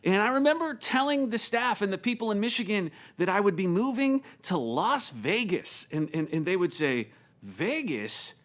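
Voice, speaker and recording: A male pastor preaching a sermon in an animated storytelling manner, often repeating words as he goes. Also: sits high, normal speed, hardly any pauses.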